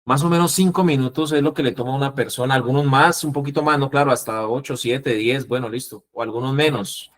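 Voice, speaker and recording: A man with a Colombian accent teaching an interviewing class, acting out the calm phrases he wants students to use. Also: medium pitch, a little fast, hardly any pauses. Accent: Colombian Spanish. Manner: lively, acts out calming phrases. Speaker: instructor.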